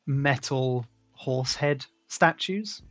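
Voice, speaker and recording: A young man hosting a casual stream chat, rambling and relaxed, with lots of fillers and laughs. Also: medium pitch, drawn-out words, no room sound, faint music behind. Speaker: stream host.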